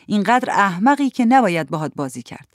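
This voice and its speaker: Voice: medium pitch, sing-song, no echo, lightly acted. A cold, contemptuous mother, put on by the reader of a storybook, scolds in a cutting voice. The sound is close and dry, with no room around it. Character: cold scornful mother scolding her daughter.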